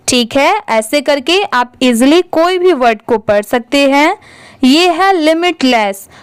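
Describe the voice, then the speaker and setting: A woman's voice: high voice, no room sound. A young woman teacher with an Indian accent, patiently spelling out English words letter by letter for learners and asking them to read each one back. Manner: patient and methodical, asks the learners questions.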